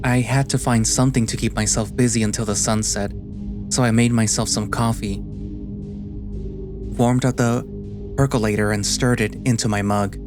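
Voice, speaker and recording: A man playing a weary, guilt-ridden animal sailor, narrating a first-person story in a quiet, subdued, slow and deliberate way. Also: lowish voice, fairly even intonation, music in the background, close to an everyday voice. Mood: brooding, weary.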